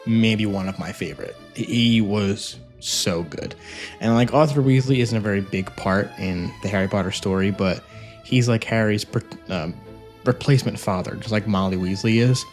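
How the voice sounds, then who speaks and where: A lowish-voiced man at a moderate pace enthuses casually about an audiobook as host of a review vlog, clearly gushing. The setup is a home office with a separate microphone and phone camera, plus background music.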